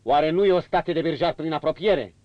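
A man's voice: a little high, no room sound, voice pushed up, lightly acted. A man voicing an enraged, jealous marquis in his thirties who barks his orders harshly, in a dull recording. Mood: curt. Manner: shouting harshly. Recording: dull lo-fi audio.

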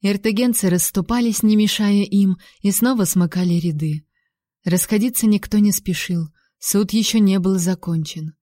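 A woman narrating a fantasy novel aloud in a measured, even storytelling voice. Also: medium pitch, no echo, clean studio sound. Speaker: audiobook narrator.

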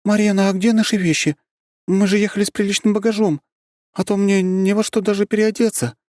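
A man's voice: sits high, flat delivery, fairly quick, darkish tone, no echo, studio quality, pitched above the performer's own voice, lightly acted. A man voicing a fussy young woman complaining in an audiobook. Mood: plaintive.

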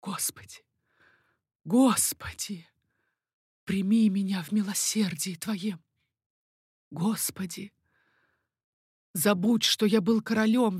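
Woman reading a dying young king, hushed. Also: mid-range voice, husky, dry recording, clean studio sound. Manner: faint, hushed, partly whispered prayer.

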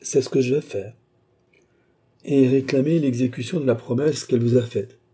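A man voicing an eager, trusting older Breton knight who asks lively, curious questions in an audiobook. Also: medium pitch, moderate pace, husky, voice pushed up, natural voice.

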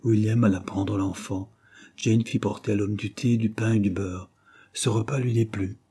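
Guy reading an old novel aloud, husky and mellow, steady pace. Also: on the low side, normal speed. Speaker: audiobook reader. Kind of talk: scripted narration of a novel.

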